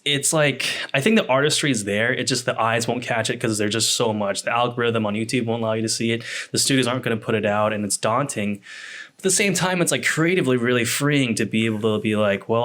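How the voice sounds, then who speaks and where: A young man co-hosting a podcast in casual chat. He talks in rapid, rambling bursts and swears freely. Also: medium pitch, a bit bright. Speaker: podcast co-host.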